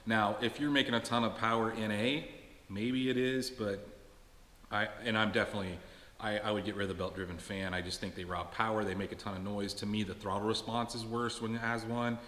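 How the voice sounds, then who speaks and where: A man with a fairly low voice speaks casually to his viewers in a roomy, reverberant garage. He hosts in a loose, conversational style, often stopping and restarting his sentences as he answers questions. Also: fairly even intonation, brisk, fairly bright tone. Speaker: host of a truck-building video channel. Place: cold garage shop, indoors.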